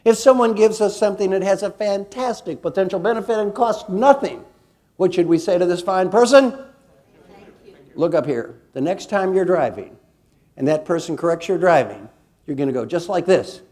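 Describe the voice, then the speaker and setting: Lively high-voiced older man coaching a crowd. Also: moderate pace. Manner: animated, teasing, quizzes the audience and acts out quotes. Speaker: leadership coach leading a workshop. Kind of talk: interactive seminar talk to an audience.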